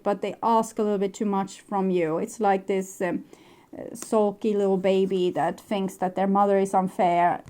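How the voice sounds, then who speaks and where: A woman with a mellow, warm voice reads tarot cards for the viewer. She talks to them directly with gentle advice, her phrasing loose and wandering. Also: mid-range voice. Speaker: tarot card reader. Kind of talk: pick-a-card tarot reading monologue.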